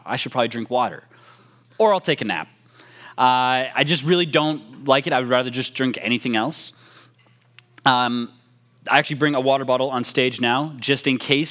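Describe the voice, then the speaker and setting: A young man leads into his sermon with a relaxed, self-mocking anecdote. He talks like a youth pastor chatting with his congregation, full of fillers and asides. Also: medium pitch. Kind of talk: casual sermon opening.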